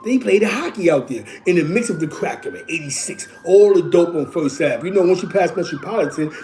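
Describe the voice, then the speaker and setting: A man's voice: a little high, expressive, fairly quick, warm tone, slight background noise. A man in his forties with a New York accent, telling neighborhood stories in a rambling, repetitive way and filling gaps with "you know what I'm saying". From East Harlem, New York. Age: 40s. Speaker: show host. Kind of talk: casual streetwise storytelling.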